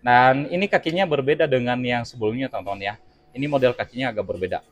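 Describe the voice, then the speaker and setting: A man's voice: medium pitch, fast. A man giving a casual unboxing review of a TV, talking chattily to his viewers while he handles the set. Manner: addresses viewers as teman-teman, chatty, explains while handling the product. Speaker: product reviewer.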